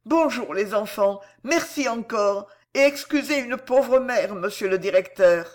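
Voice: medium pitch, a little slow, natural voice. A reader voicing a poor grieving mother who begs tearfully in a storybook reading. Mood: grateful, tearful. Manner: tearful, begging. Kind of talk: audiobook character voice.

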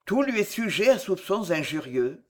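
A narrator giving a dramatic, expressive reading of a period novel. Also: mid-range voice, normal speed.

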